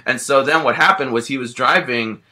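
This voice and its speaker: A man's voice: mid-range voice, normal speed, pushed and bright. Man playing a big, rambling grizzly bear. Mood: rambling wistful. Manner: rambling, constant "you know" fillers. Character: grizzly bear, male, big, gentle, easily scared. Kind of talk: rambling first-person storytelling.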